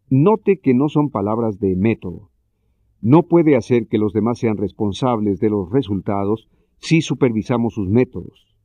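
Man, scripted lesson narration, measured and explanatory, muffled dry sound. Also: mid-range voice, mellow, dry recording. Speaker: narrator of a self-help lesson.

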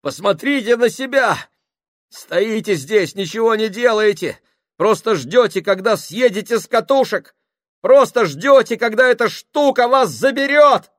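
Man playing a terrified sailor, frantic, shrill, shouting, dry sound. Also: big pitch swings, a little slow, hardly any pauses, no room sound, full character voice. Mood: hysterical. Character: panicking terrified male sailor, shaking.

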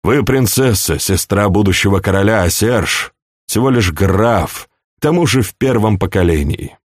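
A man voicing a shrewd, fatherly older chancellor in an audiobook, speaking in a calm, measured, persuasive way. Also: lowish voice, slightly rough, no room sound, studio quality. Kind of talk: audiobook character reading.

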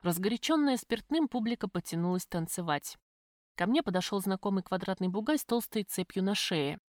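A woman narrating a first-person audiobook in a lively, expressive reading. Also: mid-range voice, a little fast, dry recording, studio quality.

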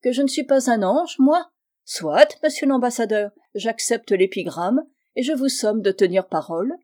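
A woman voicing a tart, flirtatious spinster in an audiobook reading, with a sharp, high-pitched voice and a quick, touchy manner. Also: expressive, close to an everyday voice. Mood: teasing. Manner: teasing, quick to take offense.

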